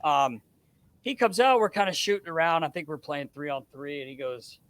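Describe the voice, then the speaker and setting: A man's voice: fairly high pitch, moderate pace, dry recording. A middle-aged man, a guest on a podcast, telling stories in casual chat, acting out what others said with many restarts. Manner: animated storyteller, acts out quoted dialogue, frequent restarts. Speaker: guest, hockey scout.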